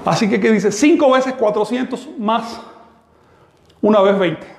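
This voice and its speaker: A man's voice: sits high, unhurried, creaky. Man teaching math in an echoey room. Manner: explanatory, asks the class questions, slightly sarcastic asides. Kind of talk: live-streamed online class.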